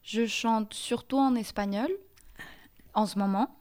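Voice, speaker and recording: A woman's voice: a little high, a little slow, darkish tone. A woman, a singer-songwriter answering interview questions thoughtfully, often searching for her words. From Mexico. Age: 30s.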